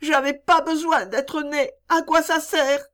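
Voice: high voice, steady tone, unhurried, fairly bright tone, pitched above the performer's own voice. A reader voicing a grieving young girl servant who is crying and pleading in broken speech. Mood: sobbing.

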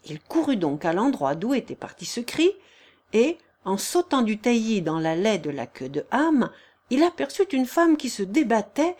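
A woman reads a classic novel aloud as an audiobook narrator. Her delivery is measured and expressive, with a mid-range voice that rises with the drama. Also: mid-range voice.

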